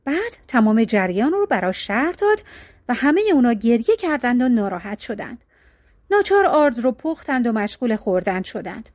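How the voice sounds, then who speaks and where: Woman reading a folk tale, high voice, lots of swing, dry close mic. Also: no echo. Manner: expressive, storybook cadence. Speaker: storyteller.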